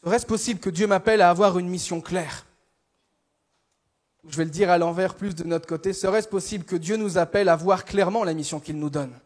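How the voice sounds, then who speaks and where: A young man from France delivers a sermon with a high-pitched voice. He tells stories in a lively, self-mocking way, often stumbling and restarting mid-phrase as he works up to his point. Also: brisk. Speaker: preacher.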